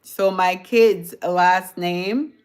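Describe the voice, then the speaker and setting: Woman, livestream host, lowish voice, slow rambling chat, sounds tired. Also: steady tone. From Jamaica. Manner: chatty, rambling, repeats herself. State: tired from a late night. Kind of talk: casual chat with viewers.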